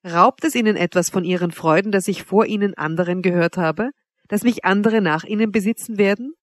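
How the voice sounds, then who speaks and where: A woman's voice: mid-range voice, brisk, no room sound, studio quality, natural voice. A woman reading an audiobook, voicing a haughty young noblewoman who teases her suitor with cool mockery. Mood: probing. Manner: teasing, coolly mocking. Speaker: princess Wanda.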